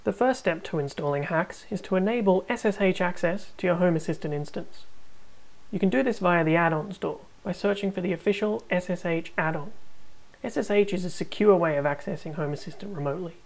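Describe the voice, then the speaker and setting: Woman, tech tutorial narration, calm step-by-step delivery, fry in the voice. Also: fairly low pitch, a little fast, rough recording. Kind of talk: screen-recorded tutorial narration.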